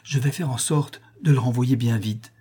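A man voicing Madeleine, a lively, teasing young woman, in a high, quick voice. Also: husky.

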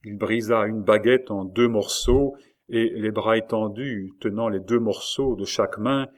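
A man narrating a historical novel aloud in a measured, expressive storytelling manner. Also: fairly low pitch. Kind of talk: audiobook reading of a historical novel.

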